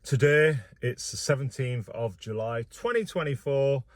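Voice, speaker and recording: A man's voice: medium pitch, lively intonation, unhurried, no echo, studio quality. A man chatting casually and directly to his viewers as a vlog host, sitting inside a car. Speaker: vlogger, YouTube host. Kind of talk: casual vlog talk to camera.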